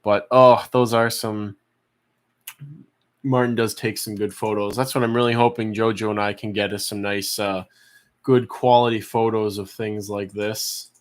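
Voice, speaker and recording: A man's voice: fairly low pitch, little pitch movement. Rambling man hosting a casual live stream. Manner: rambling, halting, thinking aloud. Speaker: online auction host.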